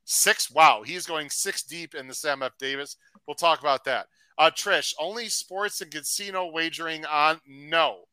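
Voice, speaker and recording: A man hosting a live racing podcast, chatty and upbeat, reading out shout-outs to viewers. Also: on the high side, normal speed, hardly any pauses, smooth, no echo, poor audio. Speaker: podcast host. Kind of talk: casual live-stream chat.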